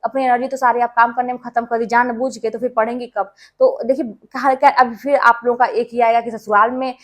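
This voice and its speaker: A woman's voice: on the high side, steady tone, a little fast. A woman, a schoolteacher, gives study advice to exam aspirants in a casual, earnest and emphatic way, speaking straight to her listeners.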